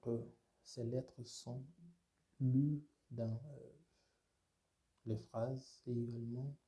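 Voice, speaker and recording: A man teaching a language lesson, saying each sound slowly and asking listeners to repeat, with many hesitant fillers. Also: medium pitch, dark tone. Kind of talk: slow spoken language lesson.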